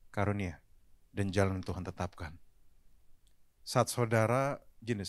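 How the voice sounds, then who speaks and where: A man's voice: mid-range voice, no room sound, studio quality. A man preaching a sermon at a live church service, talking casually and addressing the congregation directly, often slipping English phrases into his talk. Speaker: pastor.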